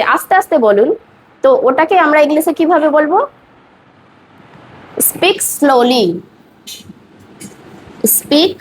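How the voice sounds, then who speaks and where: A woman teaching a spoken English lesson, explaining patiently, repeating example sentences slowly and often checking that her students have understood. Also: high voice.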